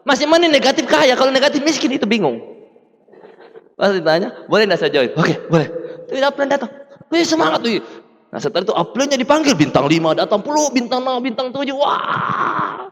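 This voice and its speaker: A man telling his story to an audience in a lively, animated way, acting out the dialogue and laughing often. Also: very high-pitched, fairly quick, gravelly. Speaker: motivational speaker. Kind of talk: testimonial talk to an audience. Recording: reverberant hall.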